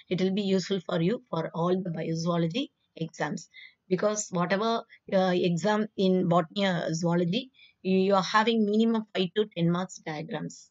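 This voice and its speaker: A woman with a South Indian Tamil accent teaching an exam revision lesson, instructive, repeating key terms and asking check questions, on a slightly dull recording. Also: lowish voice. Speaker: biology teacher. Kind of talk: exam revision lecture, explaining step by step.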